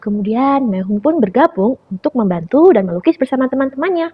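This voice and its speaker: A lively young woman tells a story for preschool children, animated and calling her listeners "friends". Her voice sits high and has a breathy edge, and she speaks briskly. The recording is dull and lo-fi.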